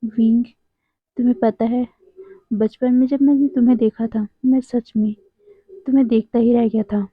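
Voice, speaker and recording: A woman voicing a possessive young man who keeps pleading his devotion, in a fairly high voice. The sound is tinny and phone-like, with no room echo at all. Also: steady tone, normal speed, long pauses, husky. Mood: tender. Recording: dry, tinny phone-like audio.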